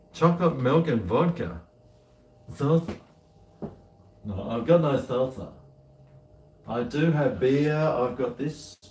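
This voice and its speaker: A man's voice: medium pitch, darkish tone. A man with a broad New Zealand accent chatting casually to viewers, rambling and thinking aloud in a laid-back way. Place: indoors, home kitchen. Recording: echoey room, distant mic, faint noise.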